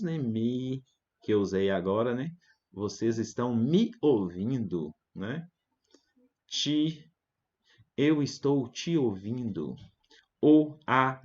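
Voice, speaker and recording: Brazilian guy teacher explaining grammar slow, voice goes up and down a lot, kinda dull sound. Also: medium pitch, a little mellow. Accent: Brazilian Portuguese. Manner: patient, repeats words slowly and asks "né?" often. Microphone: desk setup with digital pen tablet.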